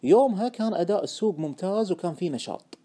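Quick and lively, a high-pitched male narrator voices a first-person audiobook with a dark, mellow timbre. His scripted reading is expressive, with pitch that rises and falls freely.

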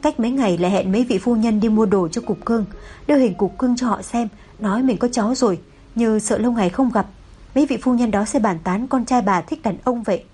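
Breathy woman reading a novel aloud. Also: on the high side, fairly quick, dark tone. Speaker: narrator. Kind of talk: audiobook narration.

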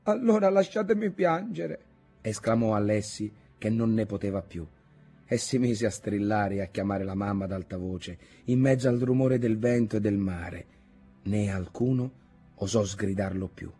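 A man reading a classic novel aloud as an audiobook, in a dramatic, measured way. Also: on the low side, steady tone, mellow, breathy edge, soft background music. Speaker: audiobook reader. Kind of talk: scripted narration of a classic novel.

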